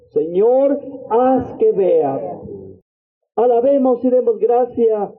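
A man preaching a fervent sermon as a missionary, leading the congregation in repeated prayer invocations. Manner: fervent preaching, repeated invocations, swings between low and high pitch. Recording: tinny phone-like audio.

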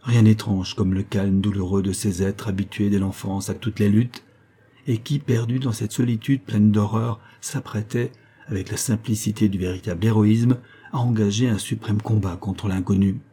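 With a husky, fairly low voice, a man tells the story of a classic novel in audiobook form. His delivery stays measured and even throughout.

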